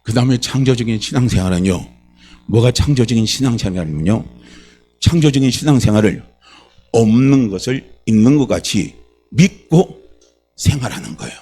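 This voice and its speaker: A man's voice: mid-range voice, a little fast, warm tone, a little hiss or hum. A man preaching a sermon as pastor, fervent, repeating phrases and calling out questions to the congregation.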